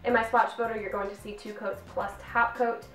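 A woman's voice: medium pitch, flat delivery, brisk, a bit bright. Bubbly thirtysomething woman gushing over nail polish, roomy sound, mic a bit far, faint music under. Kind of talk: product review vlog. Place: home filming room.

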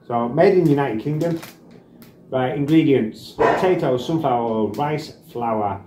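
Casual male reviewer, 40s, middle-pitched, informal and halting, recorded across a table in an echoey room. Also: darkish tone. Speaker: snack reviewer. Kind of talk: casual food review to camera. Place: small bare indoor room. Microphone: camera across a table. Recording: echoey room with clear background noise.

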